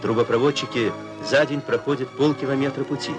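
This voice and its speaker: A man's voice: mid-range voice, steady tone, a little fast. A man giving a formal, declamatory voice-over for an old newsreel. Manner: formal, declamatory announcer delivery. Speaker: newsreel narrator. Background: newsreel music under the voice.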